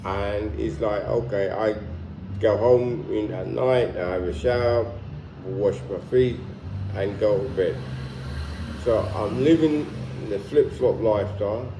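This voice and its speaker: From a warm room in his Colombian home, a sixty-something Londoner with a London accent vlogs casually at a slow pace in a fairly low voice. He's relaxed and rambling, often stopping and starting again, and the audio sounds roomy with a noisy background.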